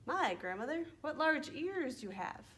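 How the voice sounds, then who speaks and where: A woman's voice: high voice, big pitch swings, a little slow, sharp tone, pitched above the performer's own voice, heavily acted. A woman voicing an innocent, wide-eyed little girl from a storybook, with exaggerated wondering emphasis.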